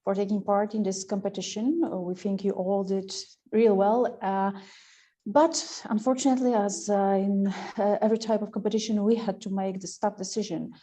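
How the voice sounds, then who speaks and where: A woman judging a moot court, announcing the winners hesitantly with many pauses and fillers over a video call. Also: mid-range voice, steady tone, dark tone. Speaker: competition judge announcing results. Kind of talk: casual chat, then formal announcement.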